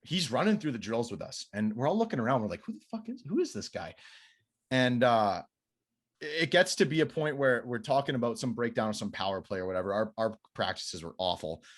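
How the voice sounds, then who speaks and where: Appearing as a podcast guest, a goalie coach tells a story in a lowish voice. He's animated and swears freely, and his voice climbs whenever he acts out quotes.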